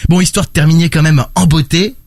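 A man chats through his favourite podcast picks with an enthusiastic, rambling energy, full of fillers and restarts. His voice sits a little high, and the sound is dry and close. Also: steady tone, quick pace, darkish tone, no room sound. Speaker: podcast reviewer presenting picks. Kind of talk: casual podcast review.

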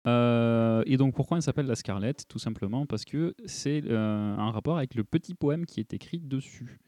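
A man hosting a casual podcast chat about beer, relaxed and chatty with fillers. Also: medium pitch, moderate pace, dry recording.

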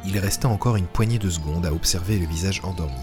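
Deep-voiced male narrator. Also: fast, over music. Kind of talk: scripted audiobook narration.

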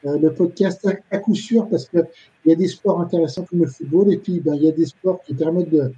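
A man's voice: on the high side, fast, mellow, slightly rough, lo-fi sound. A man co-hosting a casual football talk show, rambling with fillers and dry jokes. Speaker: football podcast co-host.

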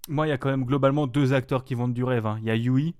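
A man co-hosting a casual podcast chat, talking in a halting way with many fillers. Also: mid-range voice, fairly even intonation, darkish tone. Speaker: podcast co-host.

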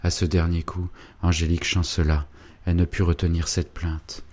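Un narrateur de livre audio à la voix très grave, qui lit d'un ton mesuré et solennel. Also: male voice, low voice, level tone, normal speed, a little mellow. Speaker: audiobook reader. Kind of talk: scripted narration of a novel.

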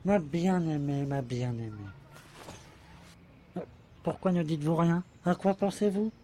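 A man's voice: fairly high pitch, animated, a little slow, mellow, slight background noise. A man playing an adoring, anxious young lover in an amateur audio drama, talking tenderly and pressing for answers. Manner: tender, pleading, insistent. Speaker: voice actor.

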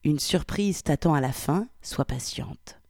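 A matter-of-fact man writing an email, read out by a narrator, in a story reading. The voice is mellow and dark, recorded close and dry, low and unhurried. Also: no room sound, natural voice. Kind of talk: reading of a letter.

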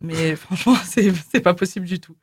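A woman's voice: on the low side, brisk, a little hiss or hum. A woman co-hosting a radio show, chatting casually with lots of fillers and laughter. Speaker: radio co-host.

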